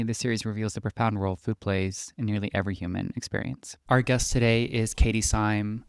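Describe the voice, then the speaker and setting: A man reading a scripted show introduction in a measured, even manner. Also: lowish voice, clear, resonant tone, no room sound, studio quality. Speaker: announcer.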